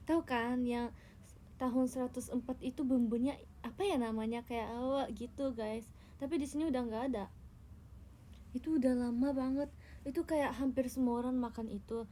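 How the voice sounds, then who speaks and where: This idol livestreamer is a young Indonesian woman bantering teasingly with her phone audience and telling tall tales. Her high, mellow voice moves at normal speed over a little hiss or hum.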